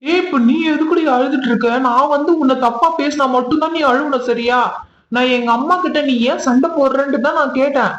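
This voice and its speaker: A man's voice: very high-pitched, fairly quick, a bit bright. Man playing a doting, coaxing husband. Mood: scolding. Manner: fond, coaxing, calls her pet names. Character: doting husband, affectionate, pushy about family. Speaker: husband in a domestic skit. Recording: echoey, dull room recording.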